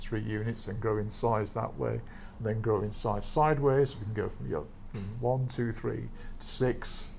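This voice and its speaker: A man's voice: mid-range voice, creaky, a little mellow, a little hiss or hum. A man being interviewed as a guest, informally explaining something technical. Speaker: interview guest, satellite society member. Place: livestream studio.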